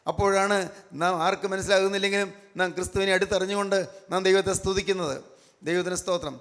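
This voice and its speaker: His voice sits high and fairly bright, his tone level and his pace quick, as this Malayali-accented man preaches in a big-sounding room. The sermon is repetitive and emphatic, often punctuated by praise.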